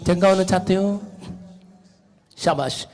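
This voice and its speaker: A man's voice: sits high, slow. A man, a pastor leading a healing service, urging and commanding people to rise and walk, breaking into repeated chanted syllables. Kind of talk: urgent healing prayer and exhortation. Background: worship music.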